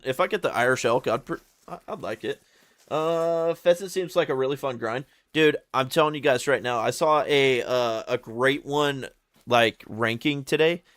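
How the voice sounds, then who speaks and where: A relaxed male streamer talks casually to his chat between moments of play, his pitch sitting right in the middle of the usual range for a man. He stumbles and repeats words, throwing in "dude" and "brother". The sound is dry, with almost no room around it. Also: no echo. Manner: slangy, laid-back, calls viewers brother and dude. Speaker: live streamer. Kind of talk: casual live-stream chat while gaming.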